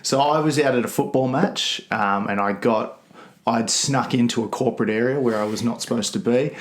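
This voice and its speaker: A man's voice: medium pitch, moderate pace. A man co-hosting a podcast, telling a rambling anecdote with self-mocking jokes. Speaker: podcast co-host. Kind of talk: casual banter. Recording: roomy echo.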